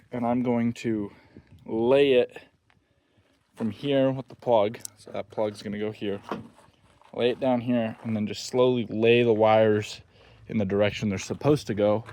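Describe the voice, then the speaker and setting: A man casually narrating his DIY car work in a plain-spoken, offhand way, recorded on a phone in the wind. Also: lowish voice. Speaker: DIY car restoration vlogger. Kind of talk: casual narration while working. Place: working on a car, windy outdoors. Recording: windy, noisy phone recording. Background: loud wind noise, clicks.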